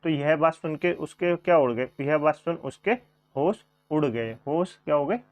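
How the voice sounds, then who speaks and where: A man's voice: on the high side, fairly even intonation, normal speed. A man teaching a grammar coaching class, asking questions and repeating the answers to his viewers. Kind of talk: online coaching class lesson. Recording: dull lo-fi sound.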